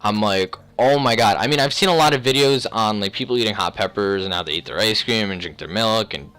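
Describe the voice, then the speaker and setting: A young man telling a personal story in a casual, rambling, slangy way, often clearing his throat. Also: on the low side, fairly quick, fairly bright tone. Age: young adult. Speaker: video creator.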